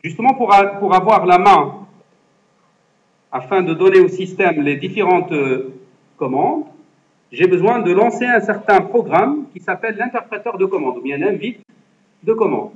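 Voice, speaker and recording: A man's voice: high voice, lively intonation, normal speed, long pauses. A man teaching a computer lesson to a class, explaining step by step and often checking that students follow. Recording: echoey classroom, dull lo-fi sound.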